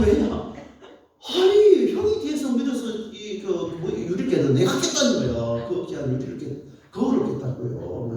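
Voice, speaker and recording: A man preaching a sermon as pastor, telling playful stories in an animated way. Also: a little high. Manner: animated, playful storytelling with laughs. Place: church. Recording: echoey church hall, mic at a distance.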